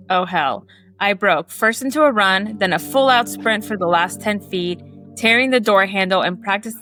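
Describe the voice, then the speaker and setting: A woman reading a horror story aloud in a steady way, fixing small slips as she goes. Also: mid-range voice. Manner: steady narration with small self-corrections.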